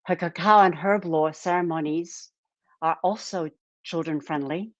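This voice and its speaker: A woman from Japan hosting a live-stream talk, speaking in an unhurried way with many fillers and repeated words. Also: deep voice, no echo. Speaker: live stream podcast host. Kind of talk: slow casual live-stream introduction. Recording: dull lo-fi dry sound.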